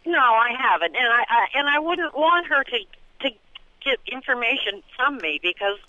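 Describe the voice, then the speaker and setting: A woman calling in to a radio show over the phone, speaking in a hesitant, halting, serious way. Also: a little high, sing-song, sharp tone, no echo. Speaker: caller. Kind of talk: radio call-in. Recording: muffled phone line.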